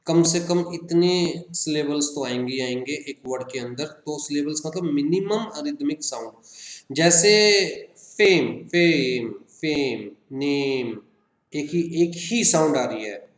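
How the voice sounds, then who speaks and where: An Indian man teaching an exam-prep lesson in a voice pitched a bit high. He speaks slowly and drags out example words, and his voice rings in an echoey room. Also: animated. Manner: drawls out example words slowly, checks in with listeners. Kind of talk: exam-prep lecture in Hindi-English mix.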